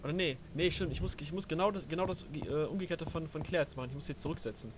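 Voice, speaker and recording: A young man hosts a let's play, giving casual, slangy, crude commentary while playing the game. His voice is fairly high and quick, over a noisy background with video game music behind it.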